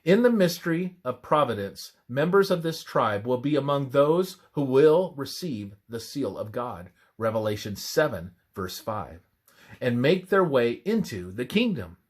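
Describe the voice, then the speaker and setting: Reading scripture aloud for a devotional narration, a man uses a mid-range voice that is very animated. His delivery is measured and emphatic, following a scripted religious text.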